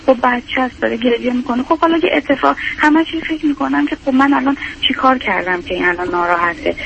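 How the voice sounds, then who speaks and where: A woman's voice: high-pitched, vocal fry. A woman in her thirties calls in for advice, hesitant and self-doubting, with many fillers. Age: 30s. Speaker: caller. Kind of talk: call-in question. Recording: dull phone line with faint hiss.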